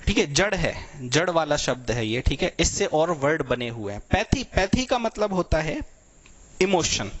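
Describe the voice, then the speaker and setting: Chatty young male teacher, slightly high voice. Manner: explanatory, repeats "thik hai" constantly, tells everyday examples. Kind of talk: vocabulary lecture for exam students.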